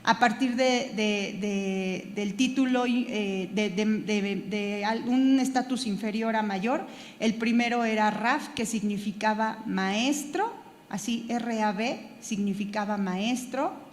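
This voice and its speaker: A woman's voice: mid-range voice, slow. A woman teaching a Bible class who stops and repeats words as she searches for them, and spells out terms letter by letter. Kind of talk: Bible study lecture. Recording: echoey hall with room noise.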